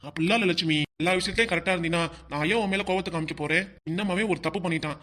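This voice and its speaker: A patient old grandfather in a cartoon, voiced by an actor, pleading and reasoning with his wife in a steady, brisk voice. He speaks a southern Tamil Nadu dialect. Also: mid-range voice, natural voice. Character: patient elderly grandfather, placating husband. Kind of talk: cartoon voice acting.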